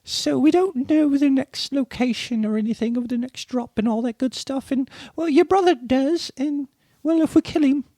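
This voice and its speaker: High, mellow-voiced woman player. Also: moderate pace, few pauses, dry recording. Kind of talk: casual tabletop play.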